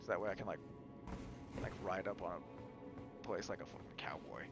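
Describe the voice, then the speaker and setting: Man, Southern accent, casual gaming chat, lowish, game music behind. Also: a little fast. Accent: American Southern. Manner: laid-back, swears, lively swings in pitch. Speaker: streamer playing co-op.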